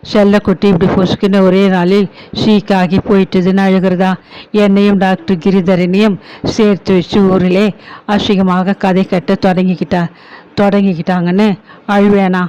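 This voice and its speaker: A grieving young schoolteacher, pleading and sorrowful, as a man reads her part. The voice is high and flat, and the recording is dull and lo-fi. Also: normal speed, clean tone, natural voice. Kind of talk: audiobook story reading.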